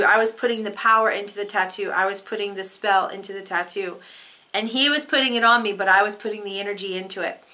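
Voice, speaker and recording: A woman talks straight to her camera in a casual, earnest way, with the odd swear word. Her voice sits a little high and sounds bright and clear. By now it is going slightly hoarse. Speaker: vlogger.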